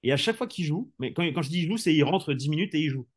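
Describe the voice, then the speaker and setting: Husky, fairly high-pitched and animated, this male sports journalist talks at a quick pace during an informal football debate. He is argumentative and rhetorical, sprinkling in conversational fillers and repeated "tu vois".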